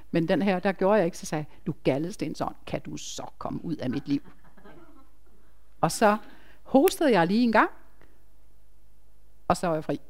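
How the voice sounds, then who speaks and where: A woman, a nurse, giving a chatty, emphatic personal testimony to a congregation, with asides to the listeners. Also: medium pitch.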